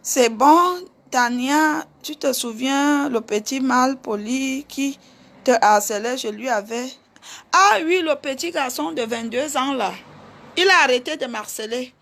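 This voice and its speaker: A middle-aged woman with a Cameroonian accent talks straight to her viewers in an animated, chatty vlog. Her voice sits high, with a gravelly rasp in it. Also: a little slow. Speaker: vlogger. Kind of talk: casual live chat with viewers.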